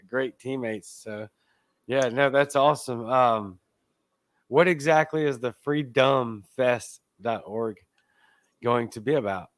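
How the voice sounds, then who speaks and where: A man's voice: medium pitch, no echo. A man hosting a casual live interview in an informal, agreeable way. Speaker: live show host.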